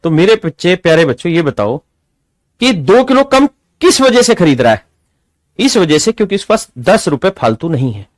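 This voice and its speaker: A man's voice: sits high, no echo. Folksy Hindi-speaking male math teacher. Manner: folksy, addresses students as his dear children; asks frequent check questions. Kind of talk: classroom math lesson.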